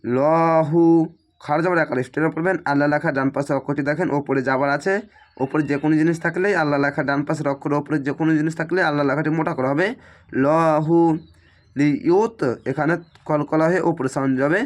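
A man teaching Quran recitation, breaking words into syllables and repeating them slowly, with a Bangladeshi Bengali accent. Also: a little high, fairly even intonation. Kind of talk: spelling-out Quran recitation lesson.

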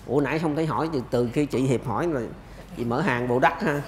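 A man's voice: mid-range voice, fast talker, roomy sound, slight background noise. A man lecturing on pediatrics, answering questions emphatically with rhetorical questions.

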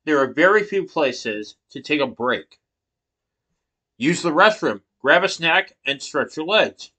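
A man in his thirties, his voice a little high, animated and a little slow, with a sharp tone and a breathy edge, delivers a persuasive class speech into a laptop webcam in a small room. He asks rhetorical questions and gestures emphatically with his hands, reading partly from notes. The webcam picks him up from below.

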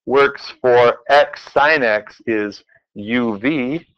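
A man's voice: mid-range voice, very slow, clear, resonant tone, lo-fi sound. A man teaching a math class in a classroom, working examples aloud and playfully quizzing his students as he goes. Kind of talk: classroom lecture.

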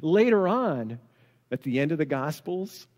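Animated preacher in a reverberant church. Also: male voice, on the high side, measured pace. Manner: animated, conversational preaching with frequent restarts. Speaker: pastor. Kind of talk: sermon. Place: church sanctuary. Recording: long church hall reverb.

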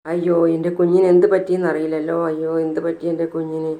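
A woman's voice: deep voice, flat delivery, quick pace, phone-quality sound, natural voice. A narrator voicing an anguished middle-aged mother in a retold serial, pleading with a doctor. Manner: pleading, distraught.

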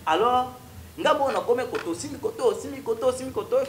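In a studio interview against a stone wall backdrop, a young Congolese-accented prophet shares his testimony, alternating French and Lingala. He speaks in a very high voice, briskly and with animation, and the sound is roomy with a touch of hiss or hum.

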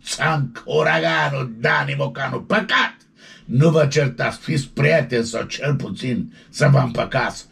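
A man delivers showbiz gossip in a loud, colloquial, excitable way, breaking into yelps. His voice is gravelly and husky, and his pitch leaps up and down constantly. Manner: excitable, colloquial, yelping interjections. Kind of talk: animated gossip commentary.

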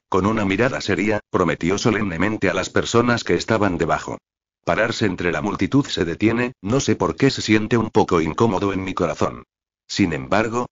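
The reading comes from a deep-voiced man narrating an audiobook evenly and steadily, with little expression. It is a dull, lo-fi recording that sounds like its top end was rolled off.

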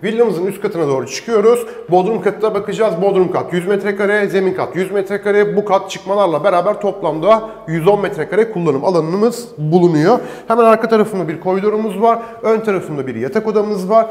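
A man's voice: sits high, brisk, few pauses, a little mellow. A man presenting a property tour as an agent, walking through empty tiled rooms. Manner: walks and gestures while presenting. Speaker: real estate agent presenting a villa tour. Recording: echoey empty house interior.

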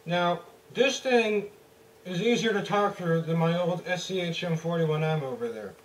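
A man's voice: sits high, moderate pace, a little hiss or hum. A man giving a casual product review while talking through a gas mask, his voice muffled. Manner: muffled, loose and chatty, addressing viewers. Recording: roomy echo, distant from the mic.

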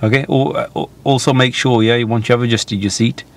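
A man's voice: medium pitch, fairly even intonation, brisk. A man in his thirties working as a driving instructor, talking a learner through steps and often checking with a "yeah?". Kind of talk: instructing a learner, conversational question and answer. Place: inside a parked car. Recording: noticeable car-cabin background noise.

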